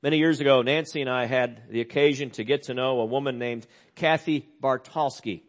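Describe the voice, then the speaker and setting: An older man, a pastor, preaching a sermon and telling a story earnestly, dropping low and quiet on sad news and rising for emphasis. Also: fairly quick.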